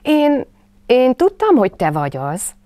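A woman doing a squeaky, timid little piglet. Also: no echo. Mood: nervous. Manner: squeaky, anxious and excitable.

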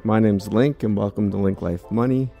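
This man's gravelly, low-sided voice moves at a moderate pace, with the highs cut off and soft music in the background. He's a vlogger touring a large indoor department store, musing aloud casually while filming on a phone in his hand as he walks.

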